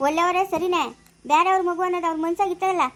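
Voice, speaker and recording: Girl doing a bossy village auntie, scolding and arguing, real high bright voice. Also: level tone, racing. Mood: stern scolding. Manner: scolding, argumentative. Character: scolding village woman protective of a baby. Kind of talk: family skit acting.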